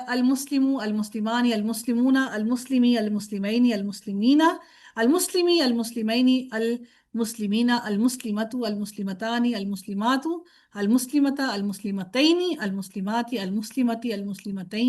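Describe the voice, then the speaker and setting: A woman teaching Arabic grammar in a recorded lecture, patiently chanting word forms in drills and posing questions she answers herself, with English words mixed in. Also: high-pitched.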